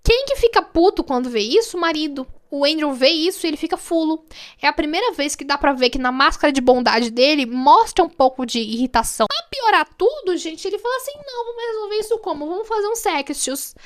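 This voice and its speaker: Brief: Brazilian woman vlogger, high voice, animated and slangy, wry film-recap storyteller. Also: brisk. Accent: Brazilian Portuguese. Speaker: film reviewer. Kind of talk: casual film recap vlog.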